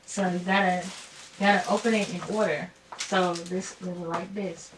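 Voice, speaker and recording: A woman's voice: lowish voice, unhurried. Teasing young woman, distant and roomy. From Atlanta area. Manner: playful, teasing, relaxed drawl. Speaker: girlfriend giving a promise ring. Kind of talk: casual vlog chat. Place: small wooden cabin room, indoors. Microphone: camera mic from across the room. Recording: roomy, distant, noisy cabin recording.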